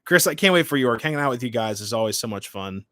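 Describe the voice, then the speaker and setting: A man in his late twenties speaks as a livestream host in an informal, chatty way. His voice sits at an average pitch with very little room sound. He moves between short remarks and replies to comments. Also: animated, fast talker, bright, forceful tone, dry recording, studio quality. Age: late 20s. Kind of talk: casual livestream chat, reading and answering comments.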